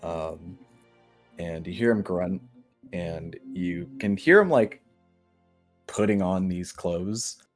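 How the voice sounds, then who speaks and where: A man narrating a tabletop game as game master in a measured way, with frequent fillers. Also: low voice, faint music behind.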